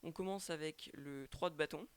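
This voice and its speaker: A man's voice: on the high side, normal speed, smooth. A man doing a casual tarot reading to a webcam with a microphone, stumbling and repeating words often. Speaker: tarot reader and channel host.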